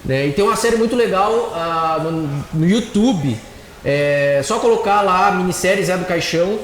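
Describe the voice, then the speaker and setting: A man, a panelist on a casual show, relays news in a relaxed way. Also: high-pitched, normal speed, roomy sound. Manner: relaxed newsy delivery.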